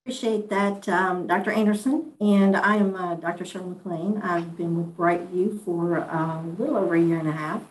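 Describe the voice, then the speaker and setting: Female physician co-presenter, middle-aged, slightly low voice, halting informal delivery on a video call. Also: fairly even intonation, poor audio. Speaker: co-presenter, physician and medical director. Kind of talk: informal webinar talk.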